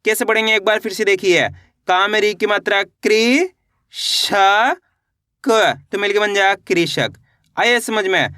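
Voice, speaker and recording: A man's voice: sits high, measured pace, pushed and bright, dry recording, studio quality. A man teaching beginners to read, sounding out each word syllable by syllable and then saying it whole, patient and repetitive. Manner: patient, repeats "how will you read it?". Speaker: Hindi reading teacher. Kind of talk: slow reading lesson for beginners.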